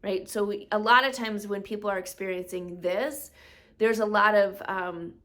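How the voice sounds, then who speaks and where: A woman talks through her own business podcast at an easy, mid-range pitch. She keeps it conversational, tosses in rhetorical questions, and slips into quick put-on voices when she quotes customers. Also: fairly even intonation, fairly bright tone. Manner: conversational, explains with rhetorical questions and frequent "right?". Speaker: podcast host, business coach. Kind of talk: solo podcast talk.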